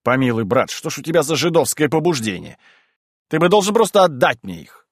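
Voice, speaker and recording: Man doing a smooth scheming gentleman, evasive and wheedling, lively intonation, dry sound. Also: fairly high pitch, brisk, dry recording, heavily acted. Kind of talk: audiobook character reading.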